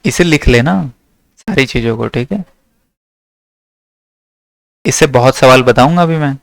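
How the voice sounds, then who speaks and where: Smooth, crisp male maths teacher. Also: medium pitch, expressive, a little slow, dry recording. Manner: checks in with the class often. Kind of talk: classroom lecture.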